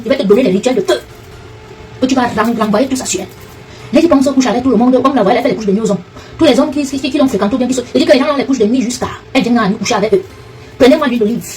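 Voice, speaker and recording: Heated woman commentator, rapid delivery, slightly distant mic. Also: on the high side, a little mellow, a little hiss or hum. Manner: fast, confrontational, addresses a rival directly. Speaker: online commentator. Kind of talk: heated direct-to-camera rant.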